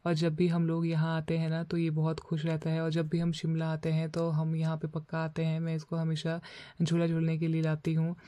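A young woman narrating her daily vlog as a voice-over, telling it in a relaxed way with frequent "uh" fillers. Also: sits low, fairly quick, no room sound. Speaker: vlogger.

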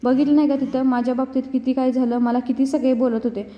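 A woman's voice: sits high, flat delivery, fast talker. Chatty woman recapping a serial. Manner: chatty retelling with repeated linking phrases. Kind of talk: casual story recap. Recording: dull, reverberant room recording.

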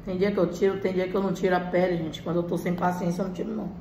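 A woman's voice: on the low side, little pitch movement, rapid-fire, warm tone. A Brazilian woman in her thirties making casual, short remarks to viewers while eating at home. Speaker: mukbang vlogger. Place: small indoor room at home. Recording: roomy echo, faint background noise.

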